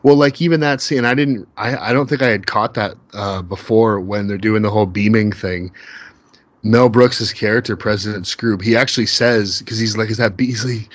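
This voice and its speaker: A man's voice: fairly low pitch, moderate pace, no echo. A man co-hosting a podcast in casual chat, eagerly quoting movie lines and repeating his words as he gets going. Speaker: podcast co-host.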